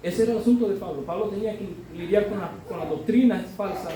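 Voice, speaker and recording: A crowd can be heard behind a fast-talking preacher whose high voice bounces around an echoey church hall. His sermon is conversational and peppered with tag questions, building into loud, insistent exhortation, all recorded from a distance with faint ambient sound.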